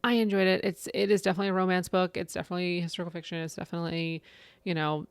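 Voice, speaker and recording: A woman in her late thirties chats about books on a podcast, animated and full of "like" and "right?". Her voice sits a little low, and the sound is close and dry with no room echo. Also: very fast, smooth. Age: 30s. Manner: chatty, animated, lots of "like" and "right?". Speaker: podcast co-host. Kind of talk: casual book chat.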